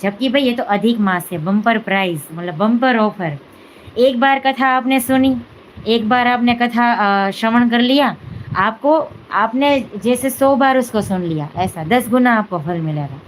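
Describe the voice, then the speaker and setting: A woman's voice: fairly high pitch, unhurried, a little hiss or hum, low-quality recording. A woman hosting a devotional live stream, talking casually with many fillers and "है ना" asides. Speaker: devotional channel host.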